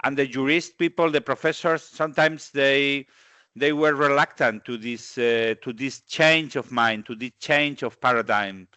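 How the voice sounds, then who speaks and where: Guy on a webinar, halting english, bright clean voice, dry sound. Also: mid-range voice, fairly even intonation, clear, resonant tone, no room sound. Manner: halting, searching for words, many repeats. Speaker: webinar speaker on a coastal lagoon's legal rights. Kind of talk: online webinar talk. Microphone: video call.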